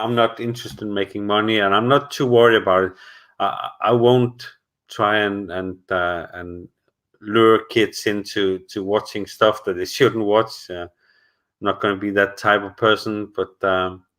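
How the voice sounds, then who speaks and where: A middle-aged man hosts a live stream from home, casually answering chat with a hesitant, rambling delivery full of fillers and restarts. His voice is fairly low in pitch with a fairly bright tone.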